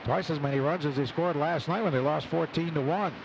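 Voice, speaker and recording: A man with a fairly high, creaky voice calls baseball briskly for live radio, using short clipped phrases. Steady ballpark noise surrounds this noisy outdoor broadcast.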